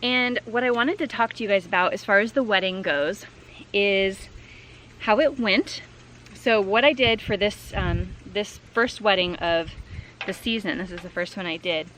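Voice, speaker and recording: A woman's voice: medium pitch, moderate pace, fairly bright tone, slight background noise. Chatty woman vlogging from a flower field. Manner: chatty and upbeat, lots of fillers like "like" and "um". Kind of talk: casual vlog chat while harvesting. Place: outdoors in a flower field on a farm. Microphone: camera set low on the ground.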